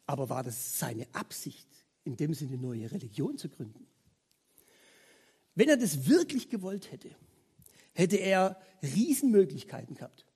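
A male preacher who gives a casual, conversational sermon in a high, lively voice. His tone is husky and a bit breathy, and his pitch swings widely as he gets animated. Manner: animated, informal, with many filler words.

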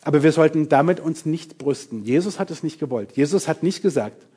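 Emphatic husky German-speaking preacher man. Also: on the high side, a little fast. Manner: lively, emphatic, self-mocking, addresses the congregation directly. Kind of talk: sermon.

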